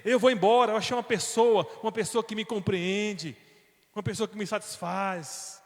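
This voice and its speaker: A man voicing a defiant, unfaithful young wife who shouts that she is leaving her husband. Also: moderate pace, big-room sound, close to an everyday voice. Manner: shouting, high and cutting.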